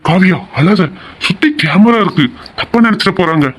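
A man voicing a young husband in an animated family drama, hurried, alternately coaxing and scolding his crying wife. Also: high-pitched, background noise. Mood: impatient coaxing. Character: young husband, impatient and embarrassed.

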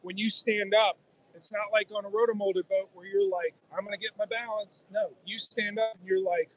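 At a busy convention hall, a man in his forties, a guest kayak angler, enthusiastically explains his kayak gear in a casual trade-show interview, gesturing as he talks. His high voice keeps a level tone at a moderate pace. The interviewer holds a phone to record him, and a little hiss or hum comes through.

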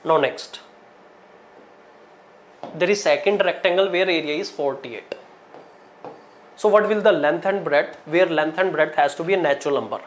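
High-pitched North Indian male teacher. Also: moderate pace, long pauses, a little hiss or hum. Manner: instructional, short broken phrases with repetition and emphasis. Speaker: aptitude exam teacher. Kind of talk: classroom lesson, solving problems step by step. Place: indoor teaching studio in front of a digital board.

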